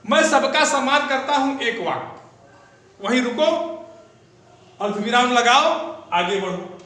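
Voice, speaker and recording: High, bright-voiced male teacher in an echoey classroom. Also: expressive, unhurried. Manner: keeps checking if students follow; addresses students fondly as children. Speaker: Hindi teacher. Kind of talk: classroom lecture. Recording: very echoey room, faint background noise.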